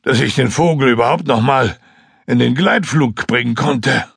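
A man's voice: mid-range voice, normal speed, gravelly, breathy edge, dry recording, studio quality, pitched above the performer's own voice. A man voicing a stubborn, reckless male glider pilot who is out of breath and frantically insistent. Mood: breathless. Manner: frantic, insistent, shouting while swimming.

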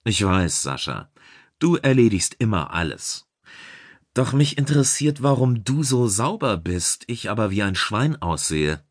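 A man voicing a gruff middle-aged chief engineer who barks blunt orders in a sci-fi audiobook. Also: lowish voice, big pitch swings, unhurried, dry recording, clean studio sound. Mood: wry.

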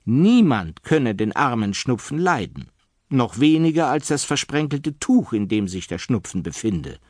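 A man reading a children's storybook aloud in a playful, lively way. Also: mid-range voice, unhurried, no echo, clean studio sound. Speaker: audiobook narrator.

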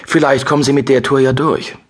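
A man's voice: mid-range voice, flat delivery, brisk, slightly rough, pitched above the performer's own voice, natural voice. A man voicing a bull-necked guard commander in his early fifties, who talks in a cold, hissing, threatening way and drops into menacing whispers. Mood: mocking.

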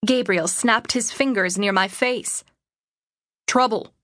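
A woman narrates a novel in the first person, measured and steady. Her voice sits fairly high and the studio recording is dry and close. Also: dry recording. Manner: measured, storytelling. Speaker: audiobook narrator.

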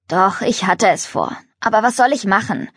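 A woman's voice: mid-range voice, animated, moderate pace, fairly bright tone, dry recording, studio quality. A woman voicing a proud, plainspoken old grandfather who runs a farm, in a children's storybook reading. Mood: earnest. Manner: gruff, plainspoken. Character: kindly old grandfather farmer, stubborn and proud.

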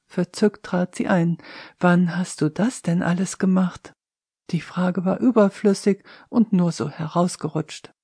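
A woman narrating her own novel in a measured, unhurried audiobook reading. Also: lowish voice, dark tone, husky, dry recording, studio quality.

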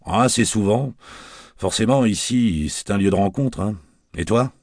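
A man's voice: on the low side, a little slow, a little mellow, no echo, clean studio sound, pitched above the performer's own voice. A man voicing a wisecracking middle-aged male barman with slangy, bantering talk. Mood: jovial banter.

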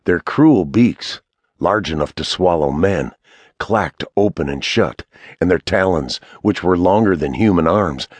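Male audiobook narrator, very deep and unhurried, husky, dry close studio sound. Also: dry recording. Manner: measured, even storytelling. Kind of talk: scripted fantasy audiobook narration.

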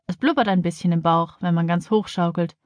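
A woman narrating a children's audiobook in a clear storytelling manner, on a studio microphone. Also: fairly low pitch, a little fast, a little mellow, dry recording.

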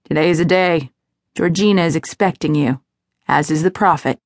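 A domineering husband in an audiobook, giving curt orders in a low, flat way, as a woman narrator reads his lines. The voice is dry and close, with no room sound. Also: normal speed, no room sound. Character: sleepy domineering husband, man.

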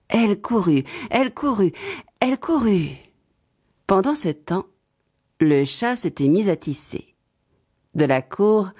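Woman storybook narrator, lowish voice, expressive. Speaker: audiobook narrator.

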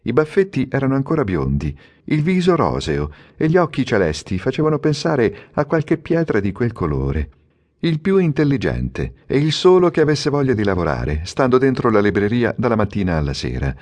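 A man narrating an audiobook in a measured, expressive storytelling manner. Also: medium pitch. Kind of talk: scripted narration.

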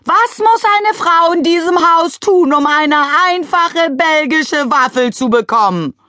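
A woman's voice: sits high, moderate pace, fairly bright tone, no echo, studio quality, pitched above the performer's own voice. A woman voicing a bossy, demanding mother who bellows and shrieks her orders from a distance in an audiobook story. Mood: bossy, shrieking.

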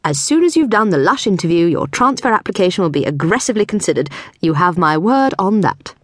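A woman voicing a gushing, flamboyant female PR agent in an audiobook, with an effusive, theatrical, drawn-out delivery. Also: lowish voice, sing-song, dry recording, clean studio sound. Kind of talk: audiobook character voice.

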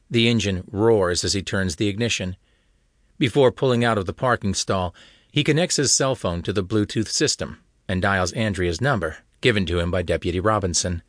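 Male audiobook narrator, low voice, steady measured storytelling, dry close studio sound. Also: dry recording. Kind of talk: scripted narration.

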